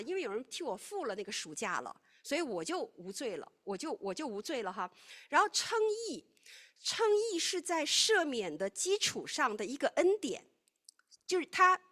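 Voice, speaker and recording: A woman with a high voice preaches a sermon, teaching animatedly as she swings between loud, emphatic stretches and hushed, quiet ones.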